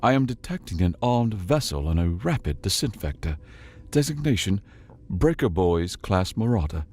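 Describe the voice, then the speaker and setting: A man voicing a calm, placid artificial intelligence speaking inside a character's head in a sci-fi audiobook. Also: deep voice, normal speed, slightly rough, full character voice. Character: calm synthetic male AI voice in the head.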